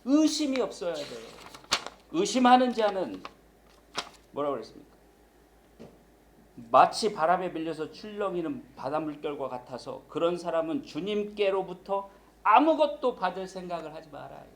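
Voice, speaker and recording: A man's voice: high voice, sing-song, moderate pace, slight background noise, low-quality recording. A man preaching a sermon as pastor, emphatic and acting out the voices he quotes.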